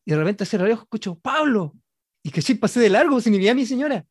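Man, Chilean accent, casual comic storytelling, high voice, very lively pitch. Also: rapid-fire, slightly rough, no echo, clean studio sound. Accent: Chilean Spanish. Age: adult, married. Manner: animated, slangy, acts out quotes and laughs often. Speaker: storyteller in a group chat.

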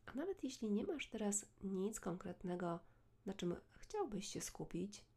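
A woman leads a guided meditation in a soft, hushed, soothing voice close to the ear, measured, with long pauses. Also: medium pitch, big pitch swings. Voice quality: soft, breathy.

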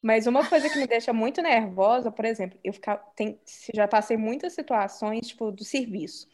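A woman, co-hosting a casual podcast and chatting with quick, laughing reactions. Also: fairly high pitch, a little mellow. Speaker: podcast co-host. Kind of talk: casual chat.

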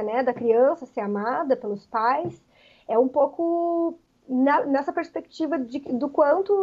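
A woman author answering interview questions in a reflective way, pausing often with filler words. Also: sits high, breathy edge, lo-fi sound. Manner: reflective, many pauses and "né" fillers.

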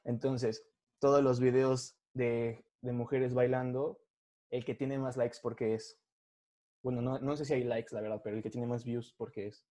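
A young man with a Mexican Spanish accent chats on a casual podcast. His voice is dark and mellow, and he talks in a relaxed, slangy way while sharing blunt opinions. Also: mid-range voice, moderate pace. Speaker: podcast co-host.

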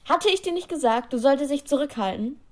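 A woman voicing an angry, bitter grown man who snaps loudly at his daughter. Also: fairly even intonation, fairly quick, close to an everyday voice. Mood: furious. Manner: loud, snapping, raised pitch.

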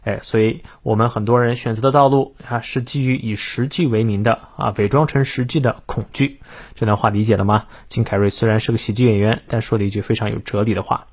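A man giving a morning English lesson in Mandarin, explaining a quote phrase by phrase and reading the English lines slowly and carefully, with frequent fillers. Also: fairly low pitch, fairly even intonation. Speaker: English teacher.

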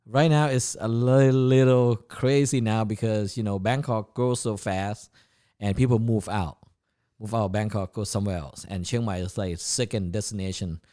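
Here a fifty-ish chef from Thailand talks about himself as a guest on a podcast, in a relaxed autobiographical way. He has a mellow, lowish voice with fairly even intonation at a moderate pace, and his English carries a Thai accent and non-native grammar.

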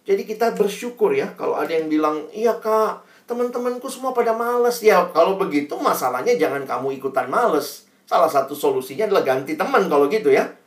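A young man preaches to students in a chatty, lively way, stressing key words with sudden bursts. His voice sits in a roomy space, picked up from a distance. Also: a little high, quick pace. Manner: conversational, acts out quotes, sudden loud emphasis. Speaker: youth preacher. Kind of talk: sermon to students.

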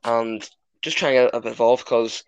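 A man's voice: mid-range voice, steady tone, measured pace, muffled recording, slight background noise. A man hosting a football podcast in a casual, chatty way. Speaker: podcast host. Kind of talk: casual chat, moderating a football discussion.

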